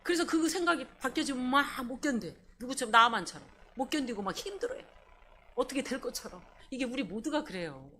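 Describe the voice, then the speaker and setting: A woman pastor preaching a sermon, animated and asking the congregation questions. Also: high voice, brisk, a little hiss or hum. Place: church service.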